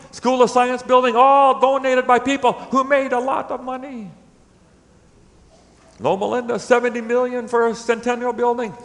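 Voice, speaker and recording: A middle-aged man preaching a sermon in a church, swinging between loud emphatic peaks and hushed low lines. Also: long reverb tail. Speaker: pastor. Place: church sanctuary.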